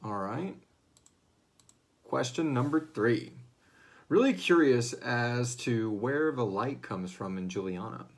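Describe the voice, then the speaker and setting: Speaking slowly and leaving long pauses, this man has a mid-range voice with lively intonation. He's the host of a serial drama fan Q&A, chatting loosely on an unscripted livestream, hesitant at times and dropping slangy, profane remarks as he rambles.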